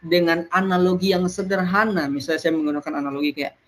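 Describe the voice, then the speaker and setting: A presenter giving an educational talk to peers, explaining point by point with frequent pauses on "nah". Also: mid-range voice, fairly even intonation.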